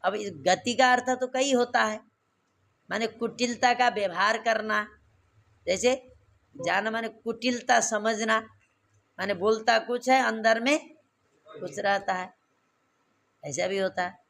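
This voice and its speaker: Slow, gravelly man teaching a class. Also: sits high, steady tone, fairly bright tone. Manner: slow and repetitive, quizzing students with questions. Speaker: Sanskrit grammar teacher. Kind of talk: classroom lesson, drilling verb forms.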